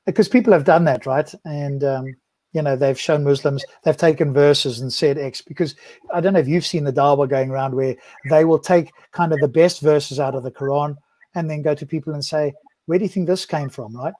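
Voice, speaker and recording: A man co-hosting a panel discussion, his voice sitting a little high for a man. He talks in a loose, chatty way and keeps asking "right?" to check the others are with him. The sound is dry and close, with no room around it. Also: fairly even intonation, fairly quick, mellow, dry recording. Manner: chatty, ends points with "right?". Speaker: podcast co-host.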